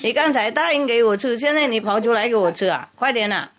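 A woman voicing a bossy, hungry big-brother tomcat who talks gruffly and laughs. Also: fairly high pitch, fast talker, fairly bright tone, voice pushed up, lightly acted. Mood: annoyed.

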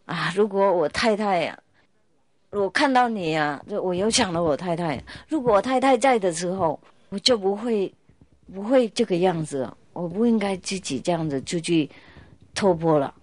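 A man's voice: sits high, animated, moderate pace, no echo. A woman voicing a thin old male beggar who mournfully laments his late wife, told in a spoken story. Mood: sorrowful.

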